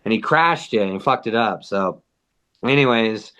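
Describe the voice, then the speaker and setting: A man's voice: lowish voice, animated, unhurried, sharp tone. A man from the US–Mexico border region, a podcast guest, telling a story in a loose, slangy way, full of "like" and swearing. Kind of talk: casual storytelling.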